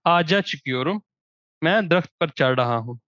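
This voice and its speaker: Man teaching, slow drawn-out examples. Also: fairly high pitch, animated, a bit bright, no echo. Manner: slow, drawn-out example words between quick explanation. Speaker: language teacher. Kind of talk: explaining grammar with spoken examples. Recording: dry, dull lo-fi recording.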